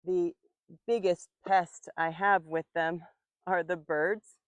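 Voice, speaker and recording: A woman teaching English slowly and clearly while working in her garden. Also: on the low side, steady tone, dry recording. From United States. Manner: slow, clear, patient explaining. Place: outdoor garden, rooster in background.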